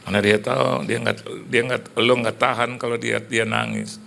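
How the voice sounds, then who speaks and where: A middle-aged male pastor preaching in a church, telling stories in an animated, colloquial way. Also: mid-range voice, normal speed, gravelly. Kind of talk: sermon with storytelling.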